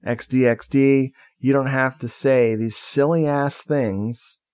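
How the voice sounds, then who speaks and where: Guy cohosting a podcast, joking around and cussing, normal pitch, easygoing. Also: fairly even intonation, slow, darkish tone, clean tone. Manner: loose, joking, swears freely. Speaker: podcast co-host. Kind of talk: casual chat.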